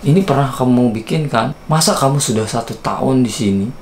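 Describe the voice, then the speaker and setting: A stern young boss barks rapid reprimands, his pitch pushed well above a gravelly base, as a man puts him on. The voice rings in an echoey room with faint noise behind it. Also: lightly acted. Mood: scolding.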